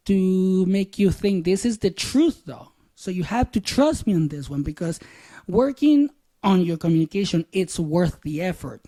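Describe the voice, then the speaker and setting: Man, podcast host, casual monologue, candid, swears a little, mellow voice. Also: high voice.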